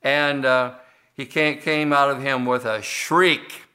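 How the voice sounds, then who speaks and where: Older male pastor with a bright voice. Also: mid-range voice, fairly even intonation. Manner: measured, unhurried delivery with frequent pauses and restarts. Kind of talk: sermon.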